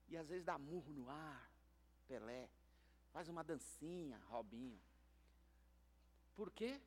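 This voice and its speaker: A Brazilian pastor with a high-pitched voice preaches in a church. He is playful and joking, dropping to quiet asides one moment and calling out loudly to the congregation the next. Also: husky. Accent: Brazilian Portuguese. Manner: playful and humorous, shifting between soft asides and loud calls. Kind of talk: lively sermon. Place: church sanctuary.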